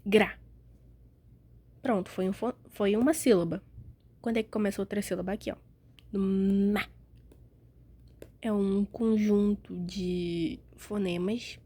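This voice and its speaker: A woman's voice: mid-range voice, fairly even intonation, normal speed, dark tone, breathy edge. A woman giving a casual grammar lesson, chatty and informal, fixing her own slips as she goes. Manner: informal, calls the listener "cara", corrects herself aloud. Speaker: grammar teacher.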